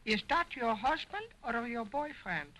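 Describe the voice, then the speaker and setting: An actor playing a cheeky wooden ventriloquist's dummy in a 1920s film, wisecracking with a squeaky sing-song puppet voice. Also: male voice, very animated, a little slow, heavy background noise, full character voice. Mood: sassy. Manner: wisecracking and sassy.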